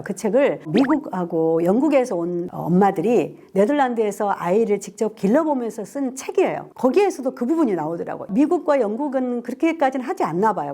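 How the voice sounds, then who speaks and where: An older Korean woman lecturer, telling a parenting story to camera in a lively, animated way with asides to the listener. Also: fairly high pitch. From South Korea.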